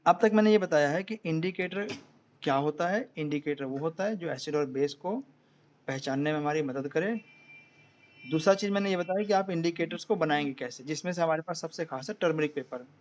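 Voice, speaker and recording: A man's voice: on the high side, fairly quick, slight background noise. Hindi-speaking male science teacher, checks in often. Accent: Indian. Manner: explains step by step, checks in with students often. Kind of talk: online class lecture.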